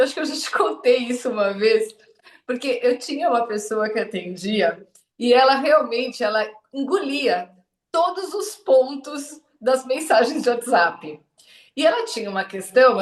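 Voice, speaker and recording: A woman's voice: a little high, reverberant. A woman hosting a podcast, telling a story in casual chat and acting out the voices of the people she quotes. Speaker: podcast host.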